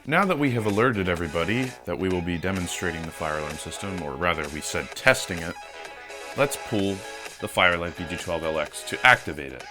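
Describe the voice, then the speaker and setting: A man's voice: sits low, animated, fairly quick, over music. A man narrating an equipment demonstration, explaining each step in a matter-of-fact, methodical way. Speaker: fire alarm system demonstrator.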